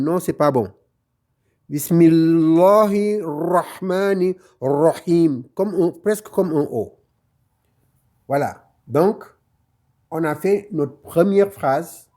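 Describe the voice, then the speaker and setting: A man teaching Quran reading in a slow, patient lesson, explaining each letter and repeating the phrase in a drawn-out recitation. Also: fairly high pitch, darkish tone.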